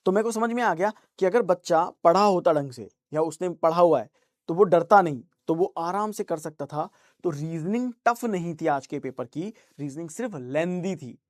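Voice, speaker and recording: A man's voice: a little high, lively intonation, moderate pace, no echo, studio quality. A man teaching an online reasoning class, answering students' chat questions in a reassuring, coaxing way and slipping English phrases into his talk.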